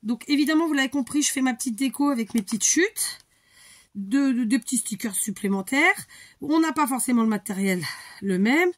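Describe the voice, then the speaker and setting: A woman's voice: sits high, animated, a little fast. A woman hosting a crafting tutorial, chatting casually and thinking aloud, muttering to herself as she works.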